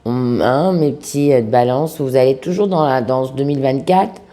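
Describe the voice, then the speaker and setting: A woman with a sick-sounding voice giving an informal tarot reading to viewers, speaking familiarly and affectionately, with halting pauses. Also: a bass voice, dark tone. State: sick-sounding voice, under the weather. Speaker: tarot reader, host of a video channel.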